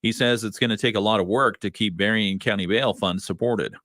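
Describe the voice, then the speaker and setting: A man with a low voice reads local news on a morning radio show. His delivery is steady and measured, close to a studio mic in a dry, dead room. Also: no echo. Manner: steady newsreader delivery, laughs easily in chat. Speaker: radio co-host and newsreader.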